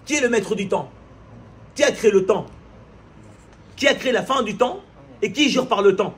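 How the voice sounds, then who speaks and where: A man's voice: high voice, animated, normal speed. A man preaching a sermon. He builds on repetition and rhetorical questions and acts out little everyday scenes as he goes.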